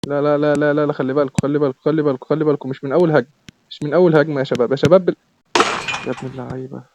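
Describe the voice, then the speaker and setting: A young man with an Egyptian accent commentating his own football video game matches, excitable and repeating words in bursts. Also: fairly high pitch, racing, muffled recording, noisy background. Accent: Egyptian Arabic. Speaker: gaming YouTuber. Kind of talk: live gameplay commentary.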